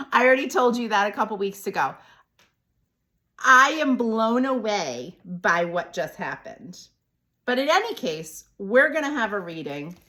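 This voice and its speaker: Bubbly lady doing a spiritual oil reading vlog, super animated pitch, chatty and gushing. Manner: bubbly, gushing, laughs often, chatty asides. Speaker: spiritual reader and channeler.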